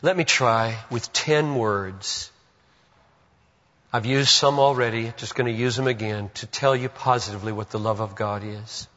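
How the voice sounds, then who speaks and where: An older man preaching a sermon, moving between raised urgent exhortation and quiet, slow, deliberate reflection. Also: mid-range voice. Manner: earnest, swings from loud exhortation to hushed reflection; slow, deliberate repetition of phrases. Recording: long reverb, dull lo-fi sound.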